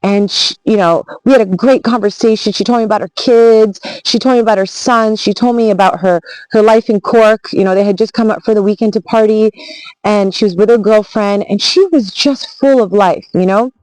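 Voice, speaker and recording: A woman's voice: mid-range voice, fairly quick, a little mellow, no room sound, low-quality recording. A woman travel vlogger telling a story in a casual, earnest, reflective way, often restarting her sentences.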